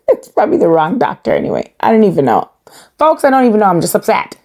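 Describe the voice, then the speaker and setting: A woman giving a sassy, opinionated recap of a TV episode. Her pitch swings widely as she repeats her points for emphasis. Her tone stays dark and mellow underneath. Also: a little fast, creaky. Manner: animated, sassy, emphatic repetition. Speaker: podcast host reviewing a reality show.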